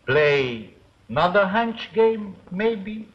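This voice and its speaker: Very old man, evasive shopkeeper, halting broken English, fairly high swooping voice, dull vintage film sound. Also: animated. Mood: evasive, wary. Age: older. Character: very old, evasive, wary male herb shop keeper. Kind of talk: 1930s film acting.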